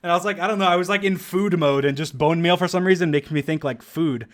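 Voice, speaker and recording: A man's voice: fairly high pitch, fast talker. A young man streaming and talking through his own gameplay video, rambling casually with lots of fillers and laughter. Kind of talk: casual commentary over gameplay.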